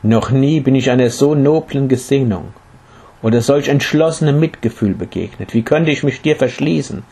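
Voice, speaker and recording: A man's voice: medium pitch, normal speed, dark tone, breathy edge. A man voicing a mighty human king in a read-aloud fable, speaking in stately, formal words. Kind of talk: storybook reading.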